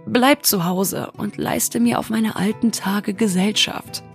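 A woman's voice: mid-range voice, steady tone, slow, soft background music. A woman voicing an old knight father in a fairy tale, loving yet stern as he refuses his daughter. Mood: fond refusal. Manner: affectionate then gruff.

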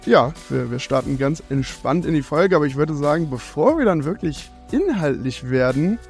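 Guy hosting a podcast, kinda high voice, upbeat friendly questions. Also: big pitch swings, normal speed, a little mellow, faint music behind. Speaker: podcast host. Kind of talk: podcast intro and interview.

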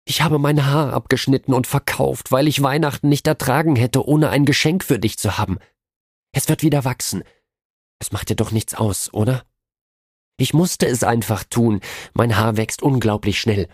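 A man's voice: lowish voice, animated, unhurried, a little mellow, husky, no echo, studio quality. A man reading a storybook voices a young wife who pleads with her husband through tears and then turns tender. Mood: pleading. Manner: sobbing, pleading.

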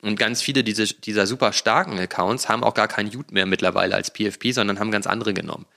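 A man co-hosting a laid-back podcast, his voice sitting a little low but with a bright, forward edge. He tells his stories at length, rambling along with plenty of fillers and asides. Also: steady tone, fast talker, vocal fry. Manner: chatty storyteller, rambling with fillers. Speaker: podcast co-host. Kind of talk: casual podcast chat.

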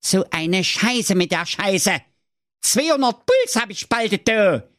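A man's voice: a little high, very animated, measured pace, no room sound, clean studio sound, voice pushed up. A man voicing an irritable, blustering old fairy-tale brother who scolds in cranky outbursts. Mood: scolding.

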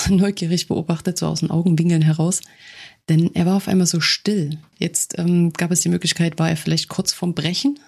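A woman's voice: sits low, creaky, darkish tone. A woman hosting a podcast, talking straight to the listener in a chatty, encouraging way. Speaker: podcast host. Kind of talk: scripted podcast monologue on healthy eating.

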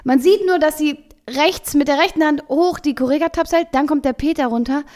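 A woman hosting a casual podcast, lively as she retells a film scene. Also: sits high, a little fast. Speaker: podcast host.

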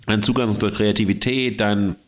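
A man's voice: fairly low pitch, fairly even intonation, fairly quick. A man co-hosting a podcast, chatting casually and telling long stories with many fillers, speaking close to his microphone. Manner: rambling anecdotes with many fillers. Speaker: podcast co-host. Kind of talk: casual chat. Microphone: microphone in front of face.

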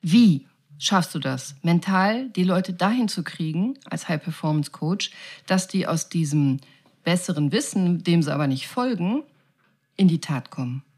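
Female podcast host, somewhat low voice, curious interviewer. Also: lively intonation, a little mellow, breathy edge. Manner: curious, quick follow-up questions.

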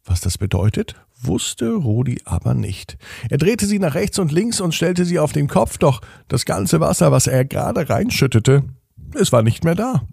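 A man reading a bedtime story in a calm, unhurried way. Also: a little high, vocal fry, breathy edge, dry recording, clean studio sound.

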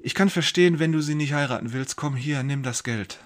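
A man voicing an embarrassed older village father who speaks hushed and urgently. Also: on the high side, brisk, natural voice.

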